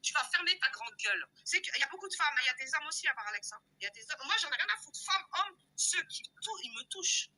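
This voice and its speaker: High, sharp-voiced woman ranting loudly. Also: expressive, fast, few pauses, poor audio. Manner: loud-mouthed, insulting, confrontational; repetitive, emphatic, addresses viewers directly. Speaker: YouTube live streamer. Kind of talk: heated live-stream rant.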